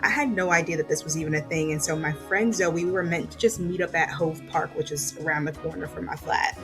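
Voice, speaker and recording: A woman hosting a casual travel vlog, talking bubbly and excited while she walks around an artist's home with a handheld camera. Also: sits low, brisk. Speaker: vlogger host. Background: music.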